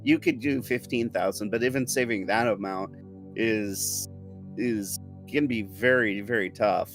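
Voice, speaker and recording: A man's voice: lowish voice, measured pace, soft background music. A man co-hosting a casual podcast, complaining loosely and swearing. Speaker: podcast co-host.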